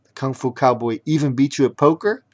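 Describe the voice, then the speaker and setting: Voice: medium pitch, brisk, darkish tone, pitched above the performer's own voice, lightly acted. A performer voicing an eager kid hero in a storybook reading. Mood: curious.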